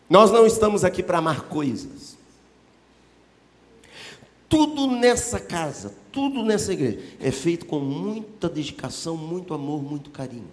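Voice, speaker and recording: Pastor, unhurried storytelling sermon, slightly high voice, echoey church hall. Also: male voice. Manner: conversational, storytelling, rhetorical questions. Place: church auditorium.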